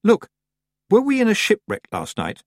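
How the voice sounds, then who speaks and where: Man playing a brisk, forthright young witch girl. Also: high voice, huge pitch swings, no echo, clean studio sound, pitched above the performer's own voice. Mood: insistent. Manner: forthright, insistent.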